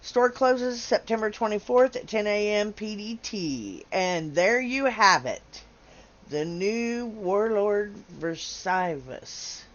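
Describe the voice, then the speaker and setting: A woman's voice: mid-range voice, expressive, slow pace, dull audio. A woman hosting a casual game livestream, chatty, laughing often and tripping over names. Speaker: livestream host.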